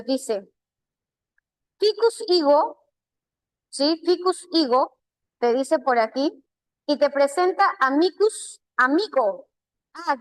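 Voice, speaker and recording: A woman with a Peruvian Spanish accent teaching an online language class, patiently repeating key terms slowly. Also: sits high, dry recording, poor audio.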